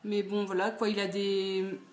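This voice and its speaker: A woman's voice: medium pitch, completely flat delivery, a little slow. Chatty young woman in an echoey room. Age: 20s. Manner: chatty, many fillers. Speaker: beauty vlogger. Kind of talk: casual haul video. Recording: echoey room, faint noise.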